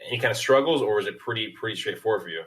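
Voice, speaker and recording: Low-voiced man asking rambling questions. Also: racing, distant mic, low-quality recording. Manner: rambling, hesitant questions with restarts. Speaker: podcast host. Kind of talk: podcast interview.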